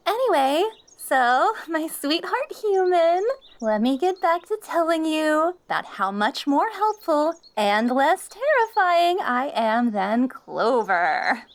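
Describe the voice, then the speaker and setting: A jealous catgirl, with a very high, animated voice. She is possessive and smug, switching between syrupy sweet talk to her darling and catty bickering in an anime-style audio role-play. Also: slow, exaggerated voice.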